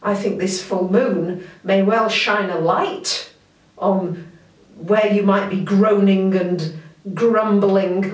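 Woman astrologer doing a forecast, slow and gentle, kinda far from the mic, echoey room. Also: mid-range voice. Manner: gentle, unhurried, reflective. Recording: roomy, mic at a distance.

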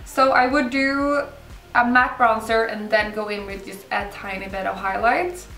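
A young woman casually talking through a makeup tutorial in an informal, unhurried way. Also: a little high, steady tone, pushed and bright. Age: young adult. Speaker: beauty vlogger. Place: indoor room set up for filming, backdrop. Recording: roomy, slightly distant mic, music behind.

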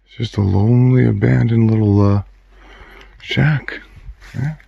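A man's voice: mid-range voice, fairly even intonation, unhurried, gravelly, mellow, slightly rough, muffled recording. A man casually hosting an exploration vlog with a laid-back, folksy way of talking, recorded outdoors on a handheld camera. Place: abandoned shack in night woods, outdoors.

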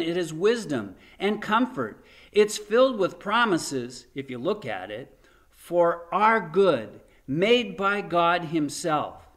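A man's voice: a little high, fairly bright tone. An older man giving a sermon from home into a webcam, retelling a scripture story with earnest emphasis. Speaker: pastor. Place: home room in front of a framed painting.

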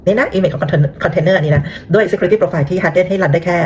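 Chatty low-voiced woman explaining tech. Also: moderate pace, darkish tone, slight background noise. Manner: chatty, filler-heavy, asks listeners rhetorical questions. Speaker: cybersecurity talk host. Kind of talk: casual technical explanation.

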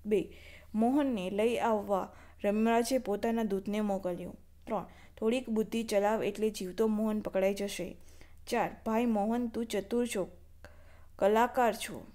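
A woman teacher works through a workbook aloud. She reads each question and its answer in a steady, numbered question-and-answer rhythm, at a medium pitch. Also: a little slow.

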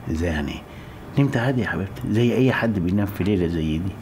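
A man's voice: sits low, expressive, rapid-fire, a little hiss or hum. A man acting in a film as a doting, mature bridegroom who coaxes and soothes in Egyptian Arabic. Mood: coaxing, evasive. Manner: cajoling, soothing endearments. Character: doting bridegroom coaxing his new bride. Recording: film soundtrack with loud music.

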